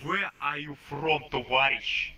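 A man's voice: a little high, measured pace, sharp tone, recorded from a distance. Joking man in broken English, roomy echo. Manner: broken, repetitive English with Russian words thrown in. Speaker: player in a VR chat room.

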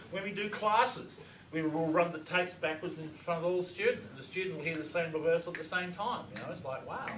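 A man giving a live seminar to an audience, animated, with pauses and asides. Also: fairly high pitch, a little hiss or hum. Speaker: lecturer on reverse speech. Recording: roomy hall mic from far off, audience around.

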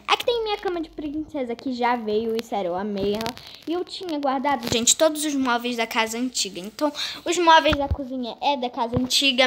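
Bright, high-voiced chatty woman. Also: a little hiss or hum. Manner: chatty and excitable, addresses viewers as "gente". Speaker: gaming vlogger. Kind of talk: casual game tour narration.

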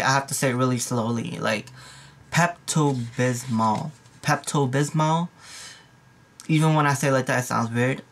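Young man, nursing student, casual review talk, rambling, slangy, mid-pitched voice. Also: fairly bright tone. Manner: rambling, slangy, repeats "keep it moving". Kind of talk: casual study review vlog.

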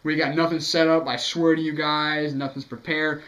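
A man's voice: on the high side, level tone, normal speed, fairly bright tone, low-quality recording. A young man chatting eagerly and informally as co-host of a home vlog. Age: young adult. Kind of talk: casual chat. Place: small wood-panelled room indoors.

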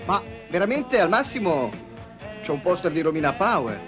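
A man's voice: high voice, big pitch swings, moderate pace. An actor playing a clumsy, joking man flirting with a woman in a comedy film. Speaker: film character. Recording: film soundtrack with music.

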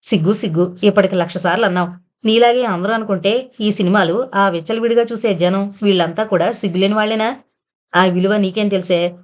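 A domineering, hard-pressed mother from a storybook audio novel, voiced by a woman narrator. She pushes, coaxes and scolds in a mid-pitched voice, every line pressing her case. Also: a little mellow, lightly acted. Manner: pushy and persuasive, scolding. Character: poor, scheming, domineering middle-aged mother. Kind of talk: audiobook character reading.

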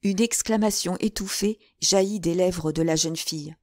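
Female audiobook reader; low-pitched, measured, steady narration, close and dry. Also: no echo. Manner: measured, even storytelling.

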